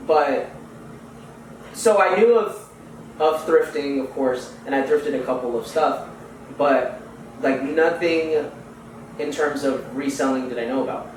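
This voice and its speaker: Measured in pace and leaving long pauses, this medium-pitched young man is a guest on a podcast, speaking casually in an interview. He's from Houston, United States, and his talk is relaxed, full of slang and fillers. The sound is distant and echoey with a little background noise.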